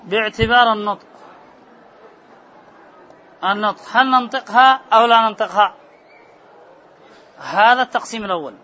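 A man's voice: high voice, moderate pace, long pauses, sharp tone. A man teaching a grammar class, repeating key terms and quizzing his students. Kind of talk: classroom lecture. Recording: muffled classroom recording with murmur.

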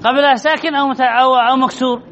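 A man's voice: very high-pitched, steady tone, racing, fairly bright tone. A man teaching a grammar class, asking his students questions and answering them himself, often repeating key words. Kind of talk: classroom lesson on Arabic grammar. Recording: dull lo-fi recording with faint noise.

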